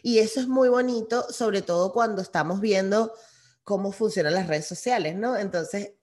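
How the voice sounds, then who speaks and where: A woman's voice: mid-range voice, normal speed. A woman with a Venezuelan accent hosting a casual interview, asking questions and affirming her guest with frequent laughs. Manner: warm, affirming, laughs often. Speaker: podcast host.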